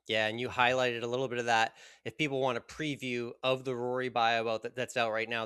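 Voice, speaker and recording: A man's voice: medium pitch, pushed and bright, smooth, no room sound, clean studio sound. A man hosting a podcast, asking questions in an upbeat, casual way. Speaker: podcast host. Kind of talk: podcast interview.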